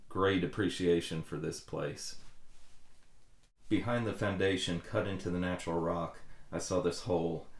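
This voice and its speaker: A man narrating an exploration vlog in an earnest, reflective manner. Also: deep voice. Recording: echoey, reverberant room with audible background noise.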